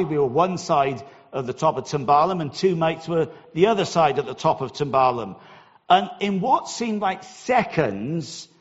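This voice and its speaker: Welsh guy preaching, high voice, chatty storytelling, bit of a dull lo-fi recording. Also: in a large hall. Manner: conversational storytelling, repeats words when starting. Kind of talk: sermon with personal story.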